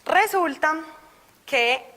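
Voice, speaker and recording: A woman giving a personal testimony to a church group, telling her story in an animated way and voicing her own past thoughts. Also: high-pitched, extremely slow.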